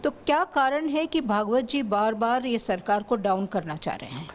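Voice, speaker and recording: A woman's voice: fairly high pitch, moderate pace, slight background noise. A woman journalist putting a long, searching question at a press conference, restarting words as she goes.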